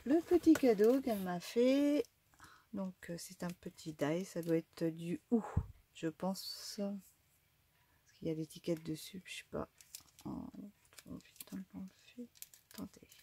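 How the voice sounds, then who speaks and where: A woman's voice: mid-range voice, a little slow, pauses often, mellow, slight background noise. A middle-aged woman casually talking through an unboxing of craft supplies, hesitant with many fillers and restarts. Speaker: craft vlogger.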